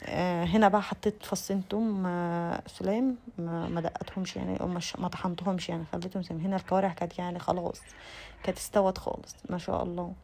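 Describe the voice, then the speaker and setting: A woman's voice: lowish voice, little pitch movement, quick pace, creaky, warm tone, slight background noise. A young adult Egyptian woman with an Egyptian Arabic accent, chatting casually in voice-over as a lifestyle vlogger, speaking straight to her viewers with many restarts. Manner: chatty, addresses viewers directly, frequent restarts.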